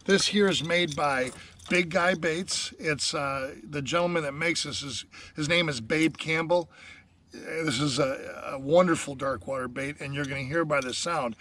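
An older man talks through fishing gear in a folksy, easygoing way, and his voice sits a little high. He is recorded outdoors on a small boat by an action camera, with steady noise behind him. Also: moderate pace, recorded from a distance. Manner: folksy, many "you know" fillers. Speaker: fishing guide. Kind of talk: casual instructional chat.

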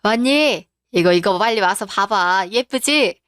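A woman's voice: medium pitch, lively intonation, measured pace, fairly bright tone, clean tone, dry recording, clean studio sound. A woman voicing a generous middle-aged aunt who talks in a breezy, teasing way.

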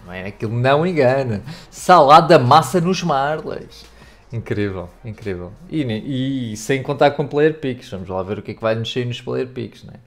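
A young European Portuguese man chatting to his stream as he opens packs. He rambles casually and jumps into excited outbursts over good pulls. His voice sits at an ordinary middle pitch. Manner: animated, shouts and laughs over big pulls, chatty asides to chat. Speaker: gaming youtuber. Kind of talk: excited pack-opening commentary.

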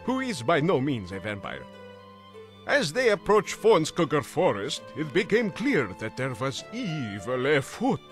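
A man's voice: fairly high pitch, huge pitch swings, unhurried, faint music behind. A man voicing a grand, theatrical narrator of a fantasy game. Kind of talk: scripted storybook narration.

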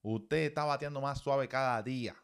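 A man's voice: mid-range voice, steady tone, normal speed, clear, resonant tone. A man, a baseball hitting coach, giving blunt, profane, emphatic swing-analysis commentary.

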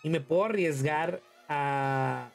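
A man's voice: on the high side, slow, creaky, soft background music. A man with a Mexican accent chatting casually on a livestream, talking through his game moves and thanking viewers by name. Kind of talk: casual livestream gaming commentary.

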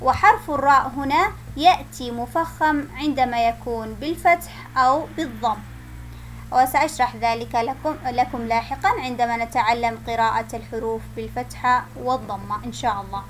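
A young woman teaching children to pronounce letters, reciting them one by one slowly and with emphasis, stressing the heavy letters loudly. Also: fairly high pitch, a little hiss or hum, poor audio. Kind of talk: children's lesson on letter pronunciation.

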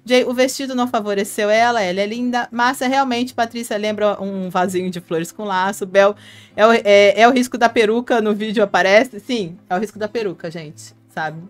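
At a normal speed and in a mid-range voice, a Brazilian woman hosts a casual live stream, reading comments out loud and talking with fans by name. She laughs often, speaks with a Brazilian Portuguese accent into a headphone mic, and soft music plays in the background.

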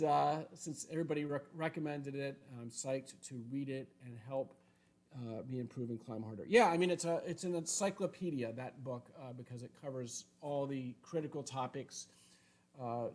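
A man's voice: mid-range voice, moderate pace. Older man coaching with loose fillers. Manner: relaxed, thinking aloud with many fillers. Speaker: climbing coach and show host. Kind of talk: casual live Q&A advice. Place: home room with shuttered windows. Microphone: webcam video call framing.

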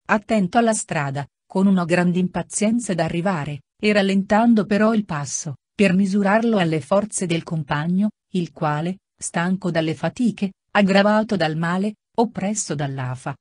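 A woman narrating an audiobook of a classic novel in a measured, even, literary reading. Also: on the low side, no echo, clean studio sound.

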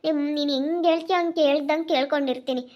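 A woman's voice: high voice, fairly even intonation, very fast. A young woman with a central Karnataka Kannada accent, speaking in an earnest, pleading way in a couple's conversation. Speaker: vlogger. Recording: dull lo-fi recording.

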